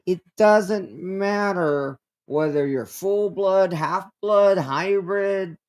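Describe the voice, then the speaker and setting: A man's voice: high voice, drawn-out words, a little mellow. An older man, co-hosting a casual livestream chat, emphatic and blunt, often restarting and repeating his point. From Philippines. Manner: emphatic, repeats himself, blunt with mild swearing. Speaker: co-host.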